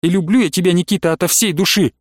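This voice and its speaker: A male narrator voicing an impulsive young man in love, excited and pleading. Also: sits high, quick pace, no echo, clean studio sound.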